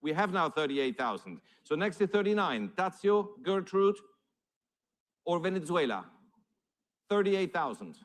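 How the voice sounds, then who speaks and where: A man's voice: high voice, sing-song, a little slow, pauses often. A man working as an auctioneer, calling numbers and bids live in formal, courteous patter.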